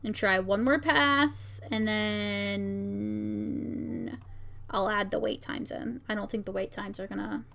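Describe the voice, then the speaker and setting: A woman, a VTuber streamer and game maker, livestreams casually while testing her own visual novel, thinking aloud, muttering to herself, and reading out lines as she works. Her medium-pitched voice is steady, creaky, a bit bright, and slow.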